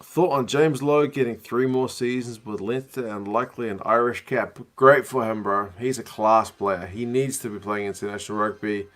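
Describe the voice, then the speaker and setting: Reading viewer messages during a rugby watch-along stream, a young man keeps up relaxed, slangy, casual chat. He speaks at medium pitch and normal speed, hardly pausing at all. Years abroad have muddled his New Zealand accent.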